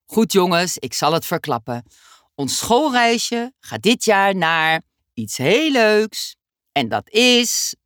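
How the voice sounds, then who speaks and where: A woman voicing a patient male schoolteacher who explains things slowly. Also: on the low side, no room sound, clean studio sound. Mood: teasing. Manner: calm explaining, slow.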